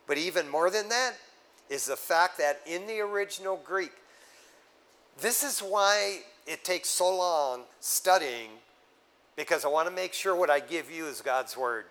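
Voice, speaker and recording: A pastor with a slightly high voice preaches at a measured pace, unpacking scripture one step at a time. He teaches with animation, dropping casual asides to check in with his congregation.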